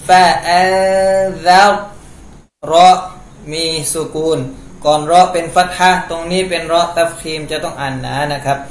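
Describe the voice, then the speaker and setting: A man's voice: a little high, steady tone, brisk. Man teaching Quran recitation. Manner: recites a phrase, then explains pronunciation rules patiently. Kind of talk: step-by-step recitation lesson. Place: room at home. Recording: echoey room with faint noise.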